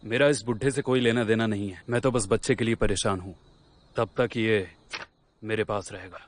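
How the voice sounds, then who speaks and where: An actor playing a former guardian spirit who mocks and scolds, often dropping to a hushed voice. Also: male voice, lowish voice, fairly even intonation, moderate pace, slight background noise, lightly acted. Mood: mocking. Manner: scolding and mocking, drops to hushed tones. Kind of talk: Hindi dub of a drama series.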